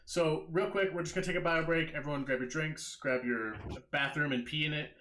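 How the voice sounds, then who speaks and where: A man's voice: on the high side, fairly even intonation, a little fast, sharp tone. A man working as game master, narrating a live tabletop game in casual, profane banter. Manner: profane, informal.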